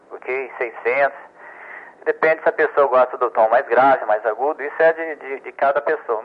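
Man teaching over tinny radio. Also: fairly high pitch. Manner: patient, repetitive, stammers on words, checks with "ok?" and "né?". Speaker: telegraphy instructor. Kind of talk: explanatory lesson.

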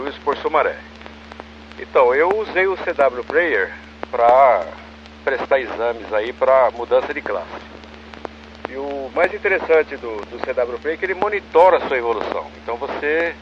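Give me a man speaking over a two-way radio, explaining patiently, with a muffled sound and static. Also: medium pitch. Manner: explains patiently in small steps. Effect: heard over a two-way radio transmission. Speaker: amateur radio operator calling in. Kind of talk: casual step-by-step explanation. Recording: muffled radio transmission with clear static hiss.

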